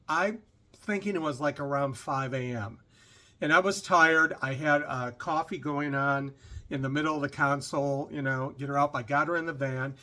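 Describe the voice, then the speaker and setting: A middle-aged man telling a story to camera in a loose, chatty way. His voice is bright, with a touch of lift in its pitch. He rambles and circles back with asides and fillers. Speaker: lecturer telling a personal story.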